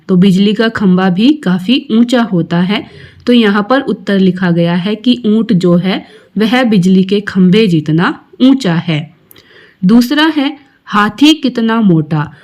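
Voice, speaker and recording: A woman reads a children's poem aloud and then works through the exercises patiently, speaking very slowly and explaining each answer for small children. Her pitch sits in the middle range. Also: darkish tone. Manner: slow, explaining each step to young children. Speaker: primary school teacher. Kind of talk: textbook lesson with a recited poem.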